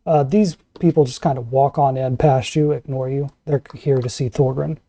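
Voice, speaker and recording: Very mellow male game master. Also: medium pitch, fairly even intonation, moderate pace, dry recording. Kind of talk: casual tabletop game narration.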